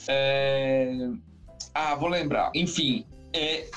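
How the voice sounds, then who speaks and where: A man, a musician, talking in a casual interview in a rambling, animated way, full of fillers and restarts. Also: medium pitch, drawn-out words, dull audio, soft background music. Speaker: musician guest.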